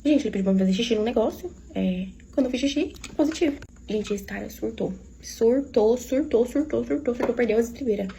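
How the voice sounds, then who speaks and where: A woman's voice: on the high side, fairly quick, creaky, warm tone, slight background noise. A woman with a Minas Gerais accent telling her own story to her audience in a casual, confiding way and often speaking to the listeners directly. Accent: Minas Gerais Portuguese.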